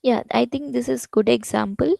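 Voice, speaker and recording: A woman with a high voice full of heavy vocal fry leads a programming lecture. She talks fast and circles back on herself with fillers, and the sound is dry and close, with no room around it. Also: warm tone, dry recording, poor audio. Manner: explains with many restarts and "basically", "like" fillers. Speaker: programming instructor.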